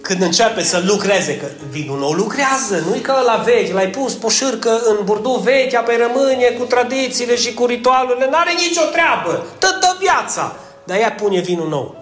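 A man's voice: very high voice, animated, a bit bright, reverberant, faint music behind. A male pastor, preaching a humorous sermon, acting out little scenes and calling on listeners by name. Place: church, indoors.

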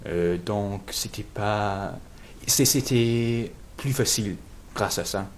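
Un homme venu d'Angleterre, de langue maternelle anglaise, qui répond en interview d'un ton hésitant en cherchant ses mots. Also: male voice, lowish voice, a little hiss or hum. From England. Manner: halting, searching for words. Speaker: guest. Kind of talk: interview answers.

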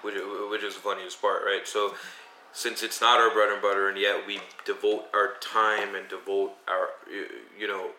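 Young male co-host, low and bright, halting and reflective, faint room noise. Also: little pitch movement, roomy sound, low-quality recording. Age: young adult. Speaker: podcast co-host, DJ. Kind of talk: casual group chat.

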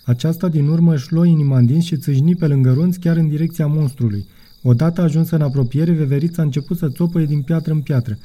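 A man reading a children's audiobook as narrator, in an even storytelling manner. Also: on the high side. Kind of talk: scripted narration.

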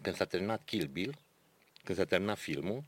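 A man's voice: low voice, expressive, slight background noise. A man co-hosting a casual chat, telling rambling stories, repeating himself and laughing often. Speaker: podcast co-host. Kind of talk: casual banter.

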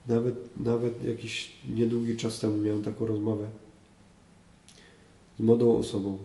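A man's voice: fairly low pitch, monotone, normal speed, warm tone. Man, priest teaching a group, repeats key phrases, roomy hall echo. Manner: asks listeners questions and repeats phrases for emphasis. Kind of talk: teaching talk on faith.

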